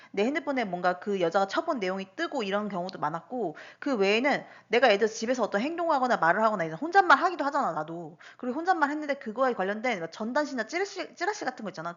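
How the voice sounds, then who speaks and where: A woman in her thirties casually recounting personal incidents in a monologue, full of rhetorical questions. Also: fairly high pitch. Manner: animated, lots of rhetorical questions and fillers. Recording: dull lo-fi recording.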